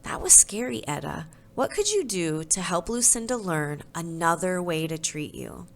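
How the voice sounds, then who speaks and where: Gentle storybook teacher, as a woman reads her. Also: mid-range voice, normal speed, slight background noise. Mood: soothing. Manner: gentle, calm. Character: kind, soothing female teacher in a children's story. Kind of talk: storybook read-aloud.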